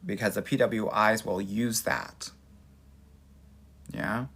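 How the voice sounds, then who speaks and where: A fairly low, fairly bright male voice with mostly even intonation, speaking slowly. He's an American dating coach from Los Angeles, United States, hosting a casual livestream and answering viewers with the sassy, effusive, girly familiarity of a best friend.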